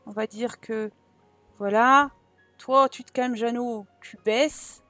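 High-voiced frantic woman gaming commentator. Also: fairly even intonation, slow, bright, forceful tone, dry recording. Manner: frantic, self-mocking, exclamatory. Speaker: gaming YouTuber. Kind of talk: timed build challenge commentary. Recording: faint game music behind.

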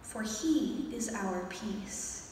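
Slow, echoey woman reading at a pulpit microphone. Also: mid-range voice, lively intonation, a little mellow. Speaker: lector. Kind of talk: scripture reading and responsorial psalm. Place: indoor church sanctuary, at the lectern. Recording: echoey church, far from the mic, faint noise.

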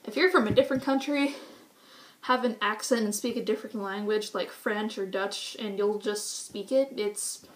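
A woman's voice: mid-range voice, normal speed, a little hiss or hum. A young woman from New England with a thick New Hampshire accent, chatting through a goofy list for her vlog, full of "like" and "um". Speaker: YouTube vlogger.

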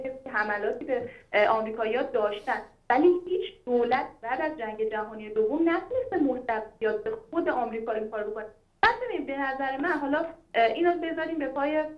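A woman caller heard over a telephone line, her high voice dulled and lo-fi through the receiver. She talks loosely and hesitantly, with many fillers and run-on sentences. The sound is that of a call-in line patched into a broadcast. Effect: phone line. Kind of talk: casual phone-in talk. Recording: dull lo-fi phone line.

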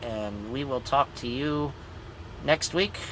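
Speaking slowly in a mid-range, slightly bright voice, a grandfather in his fifties who drives trucks gives his viewers a meandering, relaxed vlog update from the cab, with frequent ums, and says he's tired. The poor audio comes from a phone camera held at arm's length, with slight background noise.

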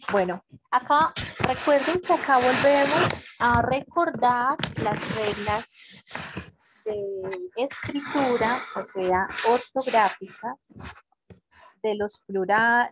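A woman teaching an English grammar class online, explaining rules slowly and patiently and checking that students follow. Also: fairly high pitch, noisy background. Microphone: computer mic on a video call.

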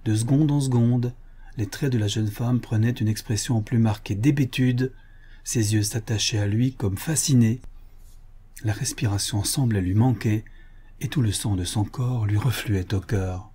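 Male audiobook narrator, dark mellow tone, steady storytelling. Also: fairly low pitch, a little slow, breathy edge. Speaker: audiobook reader.

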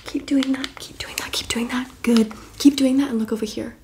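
A woman in her twenties doing a fast ASMR whispered role-play as an encouraging beauty and photo professional, repeating short phrases up close. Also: high voice, steady tone, background noise. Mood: upbeat, encouraging. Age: 20s. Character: brisk, encouraging female makeup artist, photographer and spa worker. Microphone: close, facing the camera.

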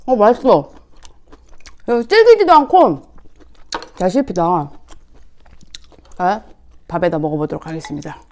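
A woman's voice: on the low side, sing-song, unhurried, pauses often, mellow, slight background noise. A woman hosting an eating show, chatting casually to viewers with playful, self-teasing asides. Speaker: mukbang host.

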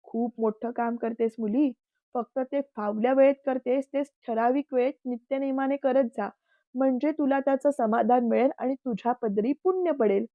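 A woman voicing a dignified uncle from a storybook, grave yet gently kind. The recording is dull and lo-fi, in a dry, close room. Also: very high voice, moderate pace, no room sound.

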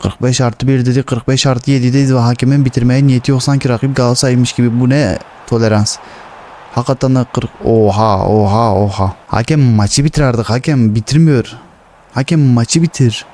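A young man commenting on his own football video game, swearing and shouting at the players. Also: mid-range voice, fairly even intonation, fairly quick, a little hiss or hum. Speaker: gaming streamer.

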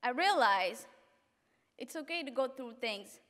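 A young woman from Africa reading a graduation speech at a podium in an event hall, earnest and halting at times. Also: high-pitched, animated, a bit bright. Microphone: podium microphone. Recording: reverberant hall.

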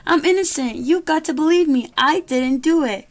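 A woman's voice: sits high, normal speed, natural voice. A woman voicing a small, wrongly accused pig, pleading dramatically as she reads a storybook to a toddler.

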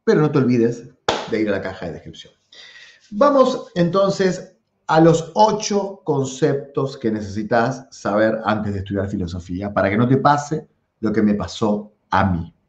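A man's voice: lowish voice, reverberant, dull audio. A man with a Rioplatense Spanish accent giving an online philosophy lesson, drawing out key words for emphasis and checking in with "¿sí?" and "¿tá?". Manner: animated, drawn-out emphatic stresses, frequent "¿sí?" and "¿tá?" check-ins. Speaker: philosophy teacher. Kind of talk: online lecture.

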